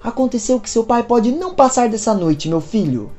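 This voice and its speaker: Lady reading as a scared soap mom, pleading, lots of up-and-down questions, darkish mellow tone. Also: on the high side, expressive, moderate pace, faint music behind, pitched above the performer's own voice, lightly acted. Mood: anguished. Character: worried middle-aged mother and wife.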